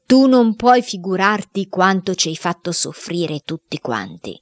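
A woman voicing a stern father who speaks in a severe, measured way. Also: on the low side, very animated, dry recording, clean studio sound. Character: stern but secretly amused father.

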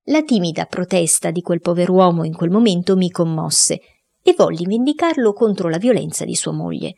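A woman narrating a storybook in a steady, expressive reading voice. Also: on the low side, moderate pace, gravelly. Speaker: audiobook narrator.

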